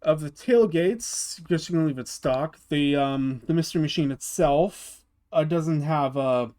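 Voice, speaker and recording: Halting man narrating a game build. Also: on the high side, darkish tone. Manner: halting, often restarts and repeats words. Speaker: gaming channel host. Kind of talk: casual game build tutorial voice-over.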